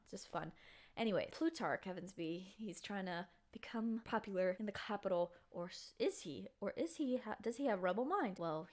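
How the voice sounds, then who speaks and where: A woman talking casually to her camera in a chatty, slangy spoiler review of a book. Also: on the high side. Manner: chatty, slangy, animated storytelling. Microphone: camera mic.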